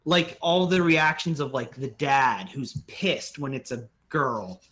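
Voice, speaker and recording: A man's voice: medium pitch, expressive, slow pace, over a noisy crowd. A young man co-hosting a podcast, ranting and joking in loose, profane casual chat. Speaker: podcast co-host.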